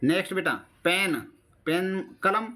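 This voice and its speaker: Slow, patient Indian male teacher. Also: high voice, steady tone, pushed and bright. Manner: slow, patient, repeats each English phrase in Hindi, calls listeners "beta". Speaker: primary school English teacher. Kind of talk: bilingual classroom-style lesson explaining a textbook.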